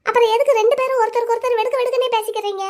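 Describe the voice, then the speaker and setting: A voice actor playing a gentle young wife in a cartoon story, coaxing and questioning her husband. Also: extremely high pitch, flat delivery, rapid-fire. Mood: pleading.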